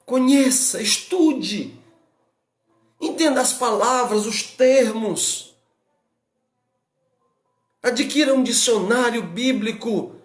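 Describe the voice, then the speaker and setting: A man's voice: very high-pitched, slow pace, pauses often, reverberant. A man with a Brazilian Portuguese accent, a pastor giving an earnest expository Bible study, asking rhetorical questions and repeating his exhortations.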